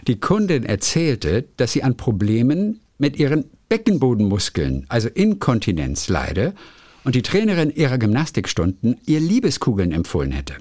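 A man's voice: medium pitch, moderate pace, no echo, studio quality. A man co-hosting a podcast, casually chatting and reading listener letters aloud with playful emphasis and frequent laughs. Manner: lively, laughs often, reads with playful emphasis.

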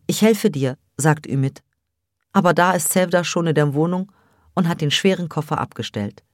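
Tiefe Frauenstimme, Hörbuch. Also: female voice, low-pitched, no echo, clean studio sound. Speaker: audiobook narrator. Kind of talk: audiobook reading.

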